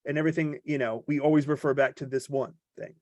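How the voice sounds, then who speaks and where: A man's voice: medium pitch, steady tone, quick pace, a little mellow, no echo, muffled recording. A man in a casual podcast conversation who talks in digressive, joking tangents and pokes fun at himself. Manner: digressive, joking, self-deprecating. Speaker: podcast co-host.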